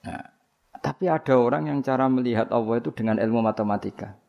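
A man's voice: mid-range voice, fast, vocal fry, darkish tone. A man with a Javanese accent giving a casual, joking religious sermon. He mixes in Javanese phrases and often laughs while he talks. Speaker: Islamic preacher.

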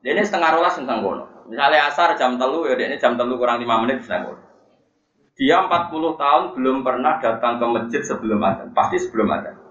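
A man's voice: medium pitch, a little fast, fairly bright tone. A middle-aged man with a Javanese accent giving a humorous religious study lecture, repeating his key points and quoting Arabic. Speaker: Islamic preacher. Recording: echoey, muffled lo-fi recording.

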